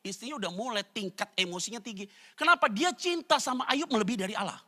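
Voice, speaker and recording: A man preaching a casual sermon, jumping into loud acted voices and slangy asides. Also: high voice, fast talker. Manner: animated, jumps into loud character voices. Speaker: pastor. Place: church online service.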